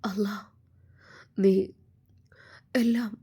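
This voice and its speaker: A woman voicing a gentle young man who speaks haltingly and sounds choked with grief. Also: mid-range voice, level tone, slightly rough, exaggerated voice.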